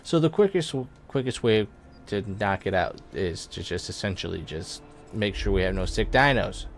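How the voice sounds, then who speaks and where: A young man giving casual, rambling let's-play commentary, full of fillers and self-corrections, with excited bursts when something in the game surprises him. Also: low voice, moderate pace, slight background noise. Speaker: gaming YouTuber.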